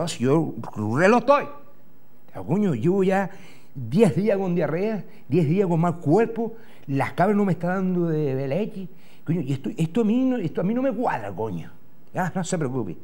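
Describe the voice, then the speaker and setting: A middle-aged TV host from Gran Canaria, speaking with a Canarian Spanish accent and a voice that sits high, tells a rambling comic story in character. He swears and mimics other people's voices, recorded on a lapel mic in a studio before a backdrop.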